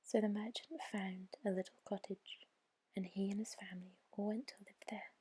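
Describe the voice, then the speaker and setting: Close to the microphone, a woman whispers a bedtime story in a gentle, soothing ASMR style, breathy and measured. Her voice is mid-range with little pitch movement.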